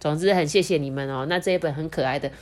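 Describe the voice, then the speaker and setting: A mother who hosts a storytelling podcast tells stories and chats expressively with children, speaking to them directly. She has a Taiwanese Mandarin accent with slightly slurred, non-standard pronunciation, and her low-pitched voice comes out rapid-fire.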